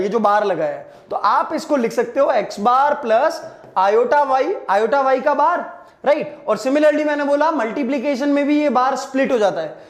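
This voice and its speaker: High, slow-talking male math teacher. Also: roomy sound. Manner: drawn-out emphatic explanations, repeatedly asking if everyone is clear; mixes Hindi and English, calls students "beta". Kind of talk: live online math lesson. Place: live online class.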